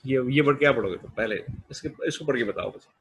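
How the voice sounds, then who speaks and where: A male teacher giving a classroom lecture, coaxing students and drilling pronunciation by slowly repeating words. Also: medium pitch, a bit bright, slightly rough. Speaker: business English teacher.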